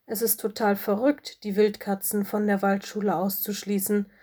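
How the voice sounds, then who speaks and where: A woman voicing a gentle, caring fox who runs a forest school in a storybook reading. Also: medium pitch, flat delivery, normal speed, lightly acted. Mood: worried. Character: fox headmistress, kind and caring.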